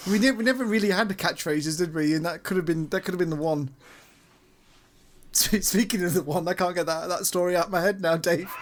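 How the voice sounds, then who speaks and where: A man's voice: sits high, fairly quick. A man, co-hosting a podcast, who teases the others and laughs easily in casual chat. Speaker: podcast co-host.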